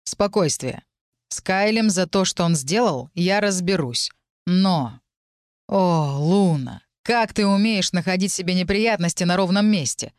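A woman voicing a brooding young male necromancer student in an audiobook, with a hoarse, low-pitched voice. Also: unhurried, no room sound, clean studio sound, lightly acted. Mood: tense. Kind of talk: audiobook character reading.

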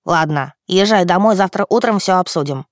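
Woman doing a gruff stern old grandfather. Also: on the low side, normal speed, dry recording, clean studio sound, lightly acted. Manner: curt, scolding commands.

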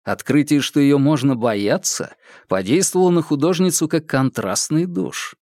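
Lively male audiobook narrator. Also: a little high, moderate pace, no echo, studio quality. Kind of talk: scripted narration.

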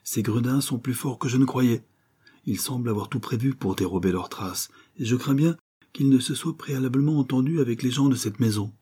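A sharp, self-assured detective, as a man reads him aloud in an audiobook, laying out his reasoning briskly. The voice sits higher than the narration, with a husky grain and a mellow tone. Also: natural voice. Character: keen, confident adult male detective. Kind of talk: audiobook character reading.

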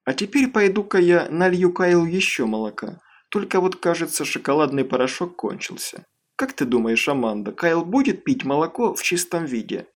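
A man's voice: on the high side, big pitch swings, moderate pace, pitched above the performer's own voice. A man reading aloud voices a chatty, sugary teenage girl who gushes and chatters. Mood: sweet. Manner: gushing, chattering.

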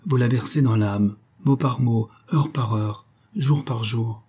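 A man's voice: medium pitch, slow, dark tone, breathy edge. A man doing a fervent young lover, murmuring. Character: ardent young man whispering declarations of love.

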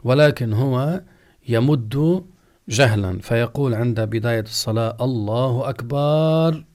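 A man, an Islamic scholar, giving a religious lesson and explaining rulings slowly and deliberately, drawing out example words as he pronounces them. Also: medium pitch, darkish tone. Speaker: Islamic scholar teaching jurisprudence. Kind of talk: religious lesson, question-and-answer.

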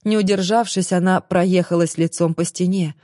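Expressive woman audiobook narrator. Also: lowish voice, normal speed, no echo, clean studio sound. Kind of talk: scripted narration.

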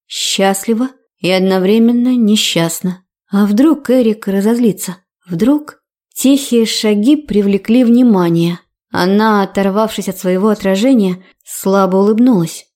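A woman reading a fantasy romance audiobook aloud in a steady narrating voice. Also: medium pitch.

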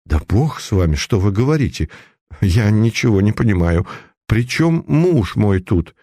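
Male narrator voicing a gentle middle-aged mother; low, mellow and soothing. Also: big pitch swings, measured pace, no room sound, clean studio sound. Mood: bewildered. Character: middle-aged mother, calm then bewildered.

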